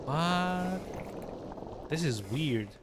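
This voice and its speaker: A man's voice: on the high side, expressive, extremely slow, noisy background. A man giving casual let's play commentary, musing aloud and repeating words as he thinks. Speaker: video game player and commentator.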